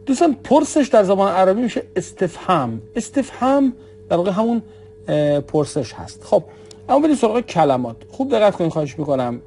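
A man teaching a language lesson, saying each example word slowly and repeating it with its meaning. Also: high voice, vocal fry, dark tone, slight background noise. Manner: stretches out example words, then repeats them with the meaning. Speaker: Arabic dialect teacher.

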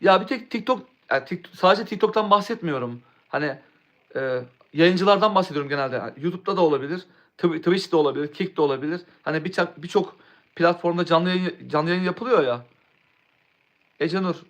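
A man's voice: high-pitched, a little fast, a bit bright. A young man chatting casually on a live stream, rambling, restarting words and answering viewers' chat.

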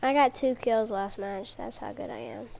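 A woman's voice: on the high side, normal speed, creaky, darkish tone. A woman in casual, playful banter while playing a video game, often laughing. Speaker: gamer. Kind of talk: casual gaming chat.

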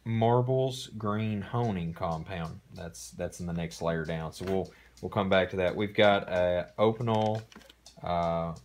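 A man hosting a casual unboxing, talking in a relaxed, rambling way with many fillers, recorded indoors on a camera mic. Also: low-pitched, a little slow, a little hiss or hum. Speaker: host. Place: indoor room.

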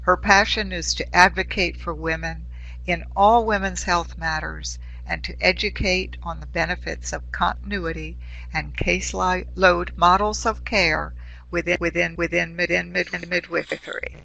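A man chairs an online session and reads out a speaker's introduction, tripping over a few words. His voice is high and bright, with a gravelly edge at the ends of phrases. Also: fairly even intonation, normal speed, rough recording. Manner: stumbling over words while reading an introduction.

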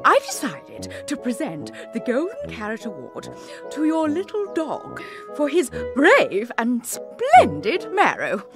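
A woman's voice: high-pitched, huge pitch swings, slow pace, full character voice. A woman voicing a kind-hearted, dramatic aristocratic lady in a cartoon game, fluttery and theatrical, with an upper-class English accent. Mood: awkward, gracious. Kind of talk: animated comedy game cutscene acting. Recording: music behind the voice.

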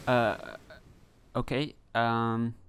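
A man narrating a scripted adventure in character as a storyteller, with measured, theatrical delivery. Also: medium pitch, monotone, a bit bright, slight background noise.

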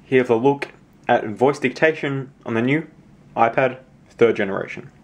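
A man's voice: mid-range voice, normal speed, slight background noise. A man with an Australian accent hosting a tech channel, casually demoing a gadget in a matter-of-fact, self-deprecating way. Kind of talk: casual product demo.

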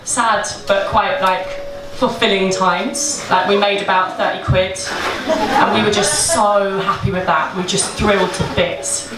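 A woman's voice: medium pitch, fairly even intonation, unhurried. A young woman tells her story casually on stage, chatty and loose, with swearing and laughter running through her words. She speaks into a handheld mic in a small event room full of people, and the sound comes across roomy and from a distance, with room noise behind her. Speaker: bakery co-owner telling its story. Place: small indoor event space with a seated audience. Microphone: handheld microphone.

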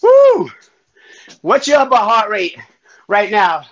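Hyped up guy fitness instructor, high voice, out of breath, counting reps and yelling encouragement, kinda muffled stream audio. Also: unhurried. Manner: energetic, calls out counts and encouragement; breathing hard while exercising. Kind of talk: live workout coaching. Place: home workout space.

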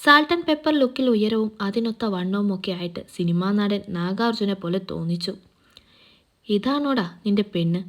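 A woman reads a romance serial aloud in a steady, even narrating voice. Her pitch sits at an ordinary middle height. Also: fairly quick, hardly any pauses. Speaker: story narrator.

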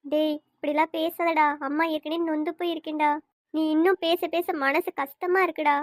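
A woman's voice: high voice, level tone, moderate pace, no room sound, clean studio sound, close to an everyday voice. A woman voicing a remorseful older mother in a family cartoon who pleads tearfully with her son. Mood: pleading.

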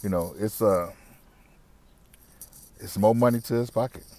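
A fairly low, darkish, unhurried male voice belongs to a middle-aged man vlogging from a parked car via a wired earbud mic. Speaking casually to camera, he rants bluntly and preachily, repeating himself and using slang and cussing.

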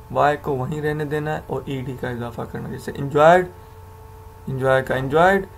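A man's voice: a little high, slight background noise. A man teaching English grammar to learners, patiently explaining rules, repeating examples and correcting himself as he goes.

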